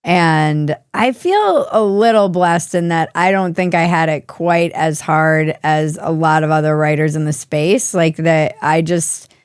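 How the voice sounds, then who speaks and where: A woman with a lowish, smooth, resonant voice hosts a casual podcast chat. She tells candid stories briskly. The close mic sounds dry, with no room around her. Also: no room sound. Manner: candid, quick storytelling. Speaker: podcast host. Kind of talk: casual conversation.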